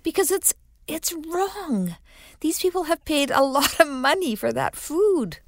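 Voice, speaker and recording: Animated, teasing woman podcast co-host. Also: sits high, measured pace, dry recording, studio quality. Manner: emphatic, teasing, acts out scenes. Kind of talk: casual chat. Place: small recording studio.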